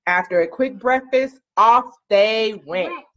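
A fairly high-pitched, fairly bright female voice reads slowly from a children's picture book, the way a parent might. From a couch in a small living room she draws out key words and asks her young audience questions, with an arm's-length webcam or laptop mic producing muffled lo-fi audio.

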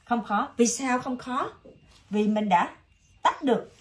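Southern Vietnamese woman, English tutor, a bit high-pitched, patient drilling style. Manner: patient, drills words slowly and repeatedly. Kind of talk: one-on-one vocabulary lesson.

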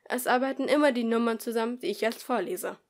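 A woman's voice: on the high side, fast, lightly acted. A woman reading an amateur audiobook, voicing a strict female schoolteacher in a raised, commanding voice. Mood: firm. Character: stern female schoolteacher, middle-aged, strict.

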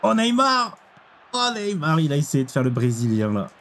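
Excitable young man commenting football gameplay. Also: medium pitch, fast, slight background noise. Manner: excitable, exclaims and groans at plays. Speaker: gaming YouTuber.

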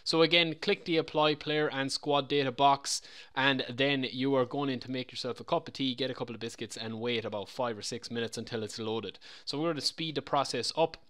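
A man's voice: medium pitch, brisk, fairly bright tone. A man talking casually through a screen-recorded game tutorial, chatty and a little rambling. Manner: chatty, loose, repeats himself. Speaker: game modding tutorial presenter.

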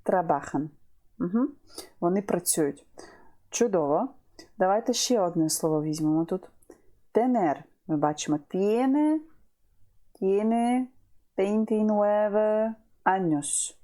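Slow, mellow woman teaching Spanish verbs. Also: fairly low pitch, lively intonation. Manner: slow and patient, repeats each verb form. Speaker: language teacher. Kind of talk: online Spanish lesson.

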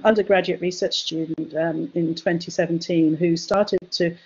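A woman's voice: on the low side, a little mellow, breathy edge. Hesitant woman giving a chemistry webinar. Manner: hesitant, many fillers and restarts. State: losing her voice, coughing. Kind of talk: academic webinar talk. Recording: dull lo-fi webinar audio.

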